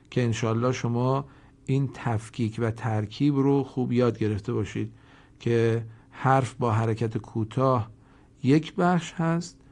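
A man gives a recorded lesson in Quran reading, in a mellow, warm voice at a middling pitch. He explains quickly, then chants each example word slowly and stretches it out, and asks listeners to repeat after him. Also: vocal fry.

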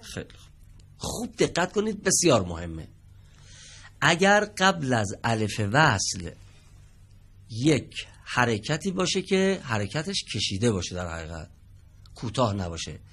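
Lively, patient male Quran reading teacher. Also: mid-range voice, breathy edge. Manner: patient, quizzes students, stretches out example words slowly. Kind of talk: televised classroom lesson. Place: TV studio with students.

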